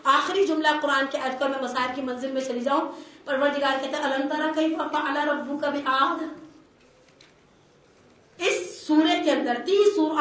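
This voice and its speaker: A woman's voice: high-pitched, fairly bright tone. Echoey woman preaching a sermon. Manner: storytelling with quoted dialogue and light humor. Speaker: religious preacher. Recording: very echoey hall.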